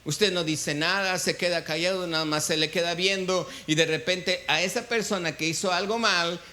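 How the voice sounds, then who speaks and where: A Mexican pastor preaches in church with a bright, tense edge to his fairly high voice. He keeps throwing questions at the congregation and waiting for them to answer back. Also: fairly even intonation, moderate pace. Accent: Mexican Spanish. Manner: quizzes the congregation, call-and-response. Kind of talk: sermon.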